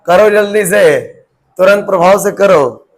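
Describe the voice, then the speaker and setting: A man's voice: high voice, measured pace. A man teaching a physics class in a joking, teasing way, bantering.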